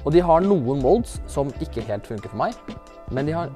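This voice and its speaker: A man on a disc golf store's staff, presenting the stock in a casual, relaxed and enthusiastic way, with lots of slang and fillers. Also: on the high side, soft background music. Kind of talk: casual product walkthrough.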